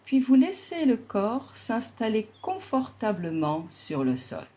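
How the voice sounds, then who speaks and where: With a fairly high pitch, a woman leads a guided yoga relaxation as the instructor. Her delivery is calm, soothing and deliberate, with long pauses.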